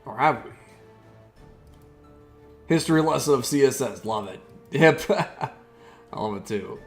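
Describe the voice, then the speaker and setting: A man's voice: mid-range voice, lively intonation, a little slow, soft background music. A man hosting a gaming video with casual, chatty live commentary.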